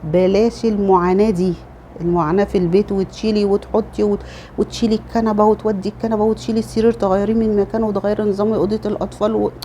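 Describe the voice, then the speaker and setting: Fast-talking Egyptian mother giving advice. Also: mid-range voice, flat delivery, warm tone, a little hiss or hum. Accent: Egyptian Arabic. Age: middle-aged. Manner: chatty, motherly, advising. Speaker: lifestyle vlogger. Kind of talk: casual advice talk.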